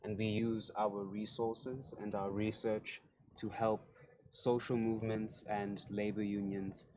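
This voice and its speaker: A man from South Africa, an NGO worker guest on a panel, speaking in a measured, articulate way. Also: fairly low pitch, level tone, darkish tone, slight background noise. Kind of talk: panel discussion.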